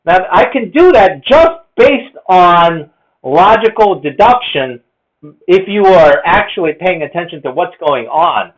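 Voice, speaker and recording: A man's voice: sits high, lively intonation, measured pace. A man explaining language and in a rambling lecture, thinking aloud with many fillers. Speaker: language teacher. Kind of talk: casual lecture on accents. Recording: dull lo-fi recording.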